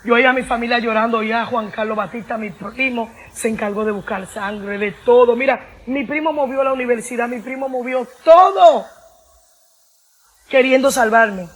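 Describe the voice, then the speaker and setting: A woman's voice: fairly high pitch, normal speed. A woman, giving an emotional personal testimony, earnest, repeating phrases and acting out the voices in her story.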